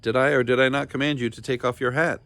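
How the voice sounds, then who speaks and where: A man's voice: medium pitch, fairly even intonation, fast talker, a bit bright, voice pushed up, lightly acted. A man voicing an imperious, indignant king who barks demanding commands in a storybook reading. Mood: enraged. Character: imperious, furious king barking commands at a subject.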